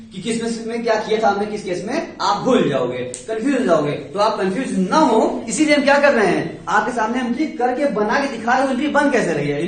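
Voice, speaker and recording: A man teaching a commerce class, repeating key terms, quizzing his students and reassuring them. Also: sits high. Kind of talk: classroom lecture. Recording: echoey room from far off.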